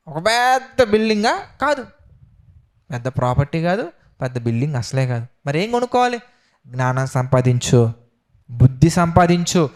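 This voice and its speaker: A man preaching a Sunday sermon, asking rhetorical questions and swinging between loud exhortation and quiet, prayerful tones. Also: sits high. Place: church.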